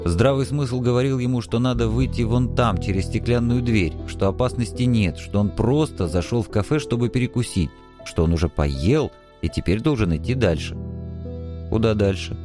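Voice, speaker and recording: A man narrating a literary story as an audiobook, calm and measured. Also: mid-range voice, music in the background.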